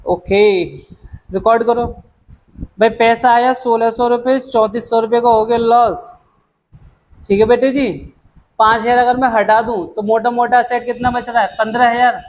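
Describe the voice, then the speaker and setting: High-voiced male commerce tutor. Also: little pitch movement, rough recording. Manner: brisk and chatty, addresses students as "beta" and "dost"; mixes English terms into explanations. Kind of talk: classroom lecture.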